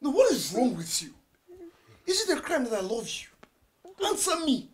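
A man's voice: very high-pitched, wildly swooping pitch, normal speed, a little hiss or hum, full character voice. An actor playing a hurt fiancé who angrily questions his partner's lies. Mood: accusing. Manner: accusing, indignant questioning. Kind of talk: film drama acting.

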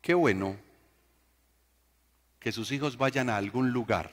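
A man's voice: medium pitch, slow, big-room sound. A man preaching a sermon, telling stories and joking with the congregation. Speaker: pastor.

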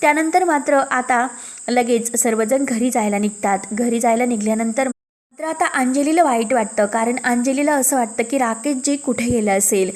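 A woman's voice: a little high, normal speed, darkish tone. A woman casually retelling a television serial episode in a chatty, filler-heavy storytelling style. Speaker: serial recap narrator.

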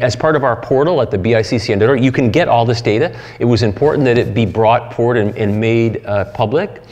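A middle-aged man giving a conference keynote, halting and full of fillers and restarts. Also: on the low side. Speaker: keynote speaker. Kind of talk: conference talk. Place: lecture hall. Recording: hall reverb.

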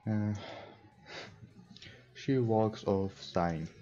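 Extremely slow and fairly low in pitch, a young adult man reads game text aloud and chats casually as a let's player, English not being his first language. He is indoors in a small room at a computer. The recording is muffled, with visual novel music in the background.

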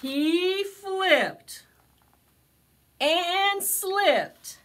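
A middle-aged woman with a very high, fairly bright voice reads a picture book aloud to preschoolers at library storytime, going very slowly and expressively and stretching out words for her young listeners. She is indoors, in front of a decorated backdrop.

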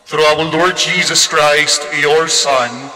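Brief: young Filipino male priest, measured liturgical prayer, bright tone, reverberant church. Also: fairly high pitch, fairly even intonation. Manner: measured, solemn intoning. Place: large church. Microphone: lectern microphone.

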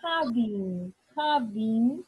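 Woman teacher, online class, husky voice, slow and patient, dry sound. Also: on the high side, lively intonation, dull audio. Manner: slow, patient explaining with drawn-out English examples. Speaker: English teacher.

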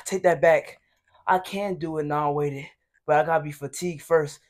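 A man's voice: a little high, normal speed. A man filming a casual workout vlog in a gym, tired from lifting and chatting straight to his viewers. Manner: relaxed, chatty, addresses viewers directly. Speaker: fitness vlogger.

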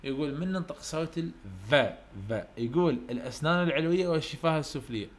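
Iraqi man teaching a phonetics lecture. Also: on the high side. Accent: Iraqi Arabic. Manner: explains in Arabic, reads English questions slowly and carefully; asks students questions and answers them himself. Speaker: university English teacher. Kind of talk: online lecture.

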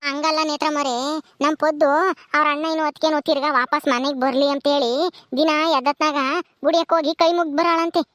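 A woman's voice: high voice, fairly bright tone, no echo, clean studio sound. A woman voicing an earnest cartoon housewife.

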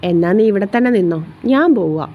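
A woman's voice: mid-range voice, expressive, fairly quick, lo-fi sound. A woman voicing a teasing, bossy young man.

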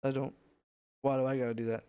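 Streamer guy wrapping up, loose and mumbly, dry livestream headset sound, mid-pitched. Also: level tone, fast, warm tone, clear, resonant tone, dry recording, highs cut off. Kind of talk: casual chat with viewers.

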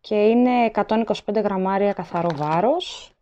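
A woman's voice: mid-range voice, mellow. A woman chatting casually as she shows her supermarket shopping to a handheld camera at home, listing items and weights. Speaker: vlogger. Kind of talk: casual haul vlog narration. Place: indoors at home, at a table. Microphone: handheld phone camera, filming items up close.

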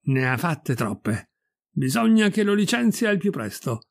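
Pompous old priest, as a fairy tale reader puts him on, fussy and bossy. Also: male voice, on the high side, very animated, unhurried, creaky, exaggerated voice. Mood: annoyed. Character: pompous older male village priest, easily flustered.

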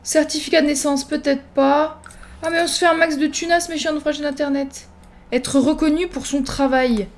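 A young woman hosting a let's-play, her voice sitting high and lively. She jokes at her game characters, teases herself, and flips into theatrical panic when things go wrong. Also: moderate pace. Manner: animated, exclamatory, mock-dramatic; teasing, self-mocking asides. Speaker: gaming video host.

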